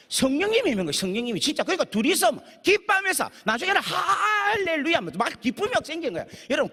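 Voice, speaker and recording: A male pastor tells a story from the pulpit, acting out the voices of its characters. His high, husky voice rises and falls widely. It rings out with a long reverb in a large hall. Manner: lively storyteller who acts out dialogue and sings snatches. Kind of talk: animated sermon storytelling.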